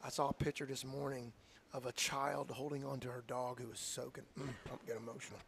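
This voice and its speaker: A man's voice: medium pitch, flat delivery, fairly quick, vocal fry, a bit bright, slight background noise. A man, a football coach telling an earnest, heartfelt story in a radio interview. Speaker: high school football coach.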